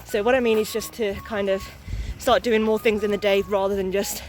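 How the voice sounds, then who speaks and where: A woman's voice: mid-range voice, fairly even intonation, brisk, a little mellow. A young adult woman chatting candidly and in a rambling way for a casual vlog while out walking outdoors. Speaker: vlogger, new mother. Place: outdoors on a walk.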